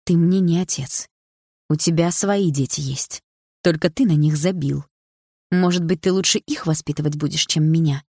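Woman doing a defiant teen girl snapping back, lowish voice, dry sound. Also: normal speed, darkish tone, breathy edge, no echo. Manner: defiant, outraged outbursts. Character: defiant hurt teenage schoolgirl.

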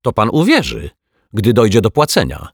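Man voicing a cleaning lady, blunt, suspicious, scolding, husky, children's audiobook. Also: on the low side, huge pitch swings, moderate pace, dry recording, clean studio sound, pitched above the performer's own voice, heavily acted. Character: gruff grumbling older female cleaning lady.

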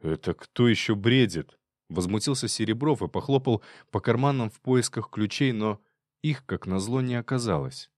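A man narrating an audiobook in an even storytelling manner. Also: medium pitch, normal speed, no room sound, studio quality. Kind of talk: audiobook reading.

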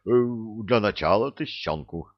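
A man's voice: sits low, animated, moderate pace, dry recording, highs cut off. A man voicing a cheeky, glib young adventurer who wheedles, in an audiobook. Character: cheeky young male adventurer, smooth-talking chancer.

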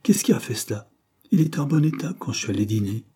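Man voicing an indignant young gentleman. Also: medium pitch, lively intonation, fast, slightly rough. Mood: agitated. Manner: protesting, agitated.

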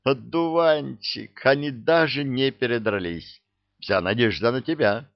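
A man voicing a scheming, excitable male swindler in an audiobook, with a whiny manner. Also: mid-range voice, measured pace, gravelly, no echo, muffled recording, pitched above the performer's own voice. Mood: panicky.

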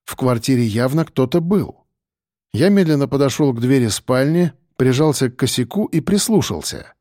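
A man narrating an audiobook in a steady, even storytelling voice. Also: mid-range voice, moderate pace, no room sound, clean studio sound.

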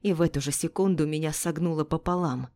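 A woman's voice: deep voice, fast talker, warm tone. A woman reading a dramatic first-person story as narrator.

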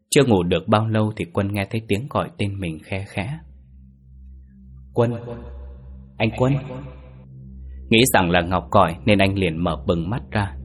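A man narrating a horror story in a steady, measured storytelling voice. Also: low voice.

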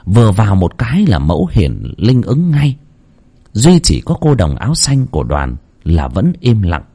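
A man's voice: on the low side, normal speed, vocal fry, husky. Male narrator, horror tale, huskily voiced, swooping wide melody. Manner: dramatic, very expressive intonation. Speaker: storyteller.

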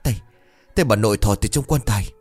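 A man's voice: lowish voice, a little fast, a little mellow, husky, faint music behind, pitched above the performer's own voice. A man voicing a terrified young man who stammers and trembles at a night wake in a ghost story.

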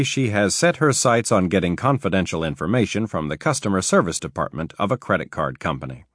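A man reading nonfiction aloud as an audiobook narrator, telling cautionary stories in an emphatic, expressive way. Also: low voice, no echo, studio quality.

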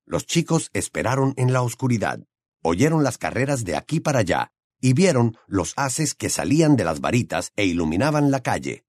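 A man reading an audiobook aloud in a dramatic, expressive way. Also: medium pitch, moderate pace, no echo, studio quality. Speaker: audiobook narrator. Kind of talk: scripted audiobook narration.

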